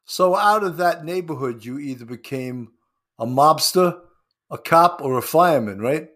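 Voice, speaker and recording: A man with a New York accent hosts an interview show. His voice sits a little high, and he talks casually and conversationally with his guest. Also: lively intonation, normal speed, a bit bright.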